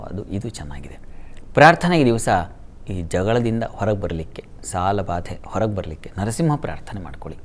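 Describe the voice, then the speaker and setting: A man with a Kannada accent reading the daily horoscope as an astrologer, chanting Sanskrit verses slowly and letting his sentences fall to a soft hush. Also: lowish voice.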